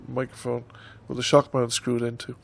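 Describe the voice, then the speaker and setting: A YouTuber in his fifties from Ireland records a casual vlog update at his desk microphone on a stand, rambling hesitantly and saying um a lot, his nose stuffed from a head cold. His creaky voice is medium in pitch with little pitch movement and a moderate pace.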